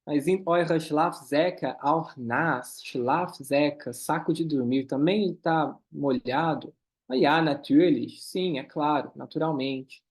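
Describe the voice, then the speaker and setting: A man leads a German lesson. His voice sits a little high. He says the German lines slowly, then explains them quickly. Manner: switches between slow careful German and quick explanations. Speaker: German teacher. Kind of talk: online class, reading dialogue and translating.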